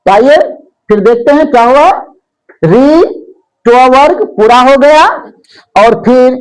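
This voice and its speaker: Brief: woman teacher, high lively voice, unhurried step-by-step lesson delivery. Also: low-quality recording. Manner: slow, repeats each term, asks and answers own questions. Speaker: Hindi grammar teacher. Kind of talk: classroom lesson.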